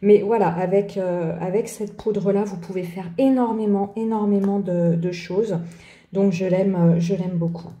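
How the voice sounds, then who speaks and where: A woman's voice: medium pitch, fairly even intonation, normal speed, warm tone. A woman chatting casually through an art journal tutorial, hesitant, with many fillers. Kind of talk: casual craft tutorial chat. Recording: echoey room.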